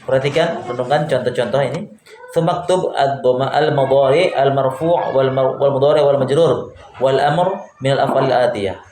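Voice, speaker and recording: A man's voice: medium pitch, normal speed, a little mellow. A male teacher giving a classroom grammar lesson. He quizzes his students and repeats their answers back to them. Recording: echoey room, faint background hum.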